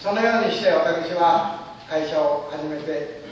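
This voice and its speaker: An older man telling a story from his working life in formal, polite speech that slips into rough dialect when he quotes people. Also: a little high, unhurried, slight background noise. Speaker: storyteller recalling his business days. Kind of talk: formal spoken memoir with acted quotes. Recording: dull, echoey hall from far off.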